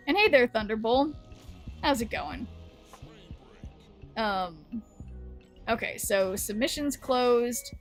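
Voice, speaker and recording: A woman streaming a card game, chatting loosely with her viewers. Her voice sits a little high and sounds worn from talking. Faint music plays underneath. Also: vocal fry. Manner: chatty, rambling, reads chat aloud. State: losing her voice. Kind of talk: casual live-stream chat.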